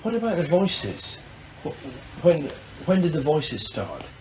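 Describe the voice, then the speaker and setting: A man's voice: fairly high pitch, wildly swooping pitch, unhurried, a little mellow, slight background noise, rough recording. A man, a reporter, asking curious, probing questions in an interview.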